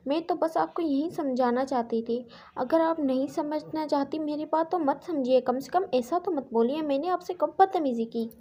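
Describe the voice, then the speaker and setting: A woman's voice: high voice, normal speed, dark tone, close to an everyday voice. A woman voicing a young, dutiful, long-suffering daughter-in-law in a cartoon story, talking earnestly. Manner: earnest, pleading.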